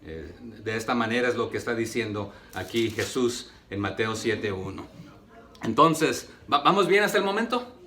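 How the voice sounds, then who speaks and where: A man's voice: mid-range voice, lively intonation, normal speed, bright, forceful tone. Guy preaching a sermon, asks the crowd questions, lots of fillers. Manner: rhetorical questions to the congregation, many fillers.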